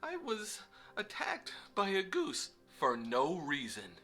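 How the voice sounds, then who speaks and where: A man's voice: high voice, huge pitch swings, slow, bright, forceful tone, soft background music, pitched above the performer's own voice, heavily acted. A man putting on a whiny little boy's voice, pleading and feeling sorry for himself. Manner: whining, pleading.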